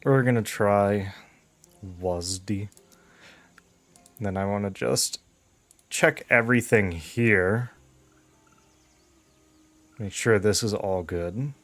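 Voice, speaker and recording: Slow-paced, lowish-voiced male game streamer. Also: a bit bright, dry recording, faint music behind. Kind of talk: casual first-playthrough game commentary.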